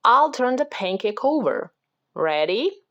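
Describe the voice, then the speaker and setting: A woman reading aloud from a picture book, voicing a busy farm mother who calmly tells her son what to do. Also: a little high, slow, highs cut off, full character voice. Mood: instructive. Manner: calm, instructive.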